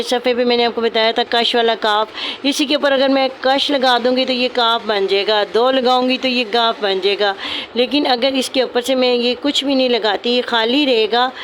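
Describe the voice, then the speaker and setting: A woman's voice: on the high side, fairly bright tone, slight background noise. A woman, teaching a calligraphy lesson step by step in a patient way and repeating her points. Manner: patient, repeats points, calls students "beta".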